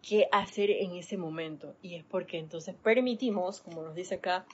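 A woman with a lowish, darkish voice and a breathy edge speaks at a moderate pace during a live-streamed spiritual teaching, acting out ordinary scenes with animation. Dull, lo-fi sound and faint background noise accompany her.

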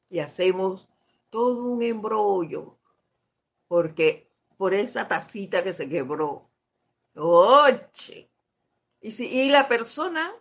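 A woman giving a spiritual teaching talk. She reads passages aloud and explains them, addressing her listeners as brothers. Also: fairly high pitch. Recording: dull lo-fi recording.

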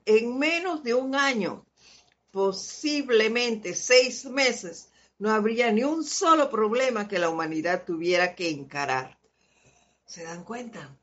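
Slow-talking woman teaching spiritual lessons. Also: medium pitch, fairly bright tone, dull audio. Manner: slow, storytelling, laughs often. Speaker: spiritual teacher hosting a live stream. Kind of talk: informal spiritual talk with anecdotes.

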